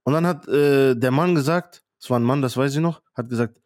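A man's voice: medium pitch, fairly quick, darkish tone, dry recording, clean studio sound. A man co-hosting a podcast, telling a story earnestly and unhurriedly in casual chat. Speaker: podcast co-host.

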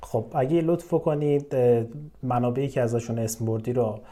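A man hosting a podcast who asks his guest polite, measured questions with occasional fillers. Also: medium pitch, mellow. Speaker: podcast host. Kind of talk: interview questions.

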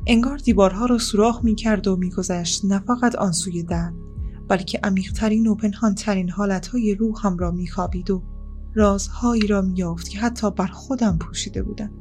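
Calm woman narrating an audiobook. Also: medium pitch, soft background music. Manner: calm, measured storytelling with slow pauses.

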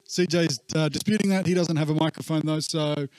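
This pastor speaks at a fairly high pitch with a steady, brisk, somewhat dark tone, rambling conversationally through an informal church talk. A bit of hiss or hum sits on a bad recording that leaves his voice muffled, wobbly and underwater-like.

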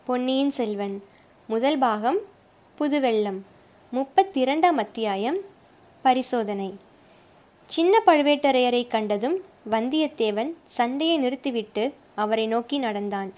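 Female audiobook narrator, measured storytelling, bright higher voice. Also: lively intonation. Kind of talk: scripted narration of a historical novel.

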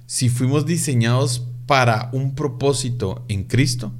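A man talking in an animated, emphatic way, full of rhetorical questions, in a casual faith conversation. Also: medium pitch, a little slow, a little hiss or hum.

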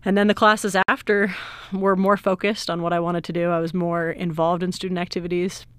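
A woman's voice: on the low side, level tone, fairly quick, clear, resonant tone, no room sound. A woman in her thirties, a guest in an interview, talking casually and cheerfully about her work and studies, often laughing. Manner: upbeat, laughs easily, explains at length. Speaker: guest, IT director.

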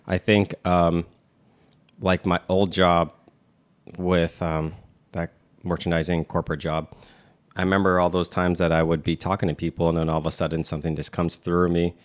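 A man's voice: low voice, little pitch movement, moderate pace. A man in his thirties co-hosting a casual chat, rambling with many fillers and restarts. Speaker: podcast co-host.

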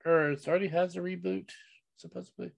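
A man hosting a casual podcast, playfully reading knock-knock jokes in a deadpan way. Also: high-pitched, quick pace, gravelly, no echo, lo-fi sound. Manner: playful, deadpan joke delivery with groans. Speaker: podcast host.

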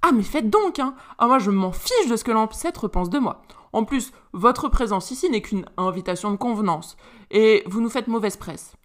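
A woman's voice: mid-range voice, big pitch swings, moderate pace, hardly any pauses, lightly acted. A woman voicing a defiant young aristocratic man putting on a mock-formal tone in a storybook reading.

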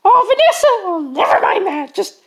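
A woman's voice: very high-pitched, sing-song, moderate pace, a bit bright, voice pushed up, full character voice. A woman voicing a chirpy, nosy young female party guest in an improvised story, eager and exclamatory. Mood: eager, curious.

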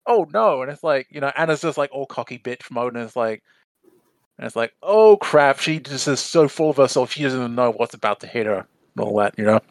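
A man excitedly retelling a movie moment on a podcast, piling up fillers. The sound is close and dry, with no room around it, and his pitch sits in the middle. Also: fast talker, no echo. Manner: excited, recounting scenes with quoted outbursts. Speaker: podcast guest. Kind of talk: casual podcast chat.

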